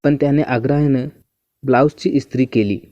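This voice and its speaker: A man narrating a first-person story in a smooth, even and unhurried reading manner. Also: mid-range voice, no room sound. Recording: dull, muffled dry recording.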